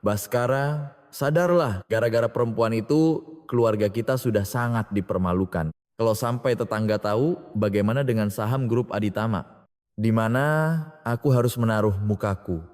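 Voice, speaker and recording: A man voicing an arrogant, domineering older woman who runs a company and shouts with scorn, in a storybook reading with long reverb. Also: on the low side, moderate pace, lightly acted. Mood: contemptuous.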